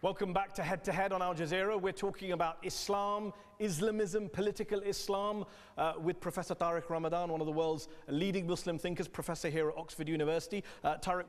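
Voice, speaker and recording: A man hosting an interview in a debating hall, pressing his guests with rapid questions. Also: a little high. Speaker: host. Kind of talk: adversarial studio interview. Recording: long hall reverb.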